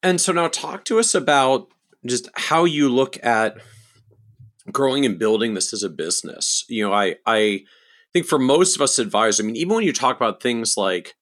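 A man hosting an interview for financial advisors, measured and reasoning aloud. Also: medium pitch, animated, a bit bright. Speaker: podcast host for financial advisors. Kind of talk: interview conversation.

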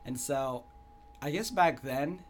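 Young american guy, thoughtful, lots of "you know", middle pitch. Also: slow pace, a little hiss or hum. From United States. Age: young adult. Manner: earnest, reflective, many "you know" fillers. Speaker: guest entrepreneur. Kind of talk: casual interview answers.

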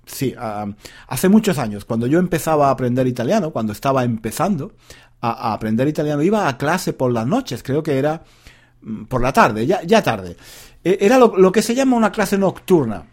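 A man's voice: on the high side, big pitch swings, normal speed, a little mellow. A man teaching Spanish in a casual, rambling monologue. He speaks straight to his listeners, drifts off topic and laughs at himself when he loses his thread. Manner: addresses listeners directly.

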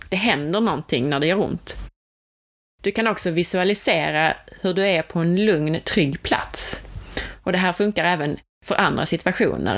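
A woman giving a calm, explanatory lesson on coping techniques for labor, gently coaching the listener. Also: fairly low pitch. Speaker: childbirth educator. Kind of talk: instructional talk.

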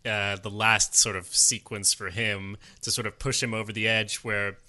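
A man with a very bright, forceful voice and a slightly low pitch, talking through a TV episode in relaxed, rambling podcast chat. He drifts from point to point and swears in passing. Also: normal speed. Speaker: podcast co-host. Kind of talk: casual TV recap chat.

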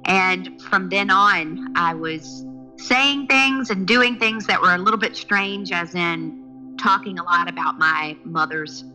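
A woman in her fifties from the southern United States, a podcast guest telling her life story in a lively, earnest way. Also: lowish voice, slow, soft background music, poor audio. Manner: lively, earnest, with laughs and restarts. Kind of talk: personal storytelling in interview.

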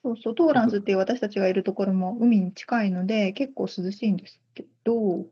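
A woman's voice: medium pitch, steady tone, fast talker, slightly rough, dull audio. A woman hosting a podcast in casual chat, chatty and laughing easily, with polite host phrasing.

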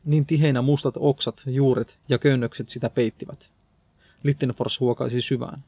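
Male audiobook narrator, measured storytelling, gravelly low-lit timbre, dry booth sound. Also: steady tone, warm tone, no echo. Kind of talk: scripted narration.

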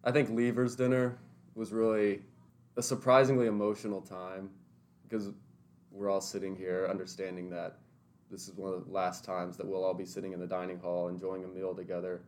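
A man's voice: low-pitched, monotone, brisk, darkish tone, slight background noise. A young man in his twenties from Tennessee, answering interview questions in an earnest, thoughtful way with a few restarts. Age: 20s. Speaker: interview guest, teaching intern.

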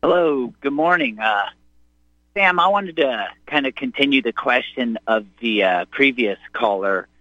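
A man's voice: mid-range voice, animated, unhurried, sharp tone, dry recording. A man calling in to a radio show over the phone to ask a question, hesitant and full of fillers like "uh" and "like". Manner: hesitant, lots of uh and like. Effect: call-in voice over a phone line. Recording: dull phone line.

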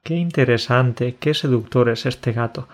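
A man from co-hosting a casual podcast for language learners, joking and talking slowly and carefully. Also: medium pitch. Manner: joking, slow and carefully articulated. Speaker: podcast co-host.

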